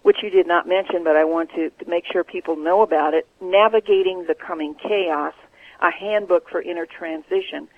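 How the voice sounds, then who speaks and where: A man, an author, answering interview questions in an earnest, measured way over the phone. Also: high-pitched, fairly even intonation, no echo. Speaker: author guest. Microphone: telephone. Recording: tinny phone line.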